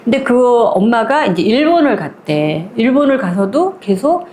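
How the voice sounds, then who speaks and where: Lively woman storyteller, slightly high voice. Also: moderate pace, a little hiss or hum. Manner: lively, acts out the characters' lines in dialogue. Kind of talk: casual spoken retelling of a short story.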